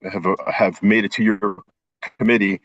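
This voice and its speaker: Man, choppy call audio cutting in and out, clipped word endings, halting delivery, low voice, muffled lo-fi sound. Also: flat delivery, a bit bright, no echo. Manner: halting, hesitant, stops and restarts. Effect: choppy connection, audio cutting in and out with clipped endings. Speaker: state public safety official testifying. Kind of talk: remote committee testimony. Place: airport. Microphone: laptop or phone on a video call.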